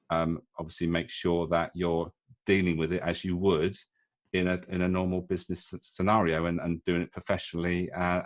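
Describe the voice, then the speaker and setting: A middle-aged man with a very low voice talks casually as an interview guest. He speaks haltingly, with frequent ums and restarts. He is from the UK and is sharing his experience as a leadership coach. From United Kingdom. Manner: hesitant, many fillers and restarts.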